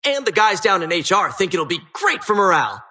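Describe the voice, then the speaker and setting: A performer gives voice lines for a sardonic, menacing dungeon host in a video game, full of dramatic mock-cheerful patter. The delivery is mid-range, very animated, a little fast and sharp in tone.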